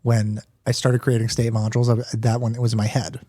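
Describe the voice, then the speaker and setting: A man's voice: medium pitch, flat delivery, a little fast, mellow, no room sound, clean studio sound. A man co-hosting a podcast, chatting casually in a rambling, hesitant way. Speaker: podcast co-host. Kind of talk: casual chat.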